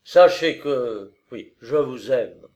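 A man's voice: mid-range voice, animated, slow, a little mellow. A man reading aloud and voicing a cold, stern nobleman who speaks in a firm, raised voice.

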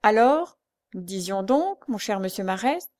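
A woman reading aloud and voicing an anxious, excitable old male servant, raised in pitch and loud. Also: normal speed, lightly acted. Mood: eager. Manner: excitable, pressing questions.

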